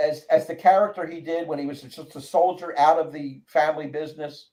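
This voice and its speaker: A man's voice: on the high side, fairly even intonation, brisk, mellow, poor audio. An older man hosting a casual chat about films, enthusiastic and opinionated. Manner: enthusiastic, opinionated movie talk.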